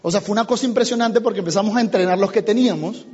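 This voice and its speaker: Male business trainer, lively seminar delivery, hoarse edge, reverberant hall recording. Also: sits high, very fast, muffled recording. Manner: animated, addresses the audience, acts out conversations. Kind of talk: motivational seminar talk.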